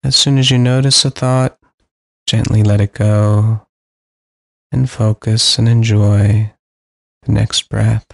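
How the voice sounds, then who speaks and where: A man guiding a sleep meditation, speaking slowly and soothingly with long pauses. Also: on the low side, little pitch movement, gravelly, no echo. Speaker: meditation guide.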